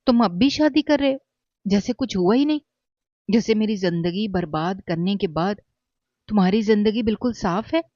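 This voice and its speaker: A man's voice: high voice, darkish tone, no room sound, voice pushed up, close to an everyday voice. Bitter cold young mom, scornful and curt, a man doing her, dull dry lo-fi sound. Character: bitter wronged young mother, cold and harsh.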